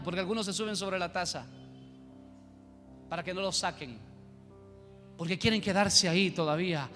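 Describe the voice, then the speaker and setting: A man preaching a sermon as pastor, telling a story and then pressing his point with fervor. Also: high voice. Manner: storytelling, rising to fervent preaching. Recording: reverberant church hall with music.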